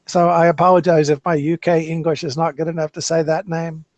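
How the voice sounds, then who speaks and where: In a dull, dry, lo-fi recording, a man hosts a casual podcast chat about cars, his loose sentences full of restarts. His voice is on the high side and somewhat dark, with a level tone and a slightly quick pace.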